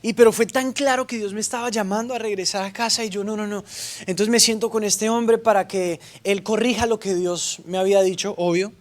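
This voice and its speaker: A man's voice: high-pitched, steady tone, a little fast, few pauses. A young man, a pastor, preaching a sermon and telling his story with playful asides and acted-out dialogue. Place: church stage.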